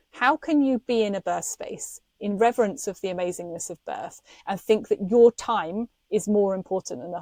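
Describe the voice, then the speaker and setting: Her medium-pitched, darkish voice comes through a dry recording as she co-hosts a podcast. She's fired up and indignant, and she laughs a lot.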